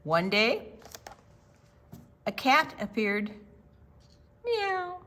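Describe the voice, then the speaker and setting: Her voice on the high side, an older woman leads storytime for young children. She reads deliberately and expressively, pausing to chat and ask her listeners questions.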